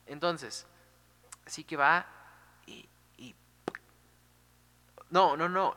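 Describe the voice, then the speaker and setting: A man's voice: mid-range voice, long reverb tail. Chatty man retelling a myth. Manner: animated, chatty, full of fillers. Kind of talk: casual storytelling.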